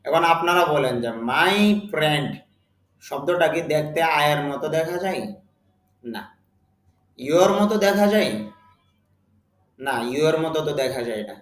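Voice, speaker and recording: Teaching a spoken English lesson, a Bengali-accented man uses a fairly high pitch and lively intonation. The space is reverberant, and he speaks slowly and deliberately, going over words repeatedly for his students.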